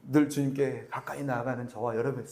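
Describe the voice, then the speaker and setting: A man's voice: a little high, fairly quick. A male pastor giving a Sunday sermon at a church service, often laughing and checking for agreement from the congregation. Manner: animated, acts out quotes in different voices; laughs often while preaching.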